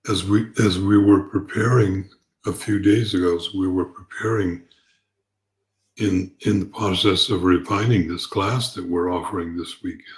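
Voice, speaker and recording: Calm, gentle man with a low voice. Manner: halting, repeats words as he goes. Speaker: spiritual teacher. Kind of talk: unscripted spiritual talk.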